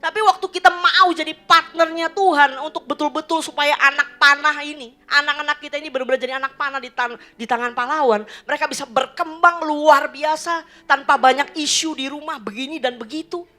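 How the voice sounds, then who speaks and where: Bright-voiced woman pastor preaching. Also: high voice, fairly even intonation, brisk, few pauses. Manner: storytelling, mixing in English phrases, addressing the congregation. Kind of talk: sermon. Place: church.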